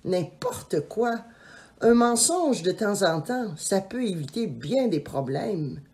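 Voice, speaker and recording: A woman's voice: medium pitch, expressive, takes it slowly, a little mellow. A woman voicing a cheeky young boy who speaks in a teasing, exasperated way in a storybook reading.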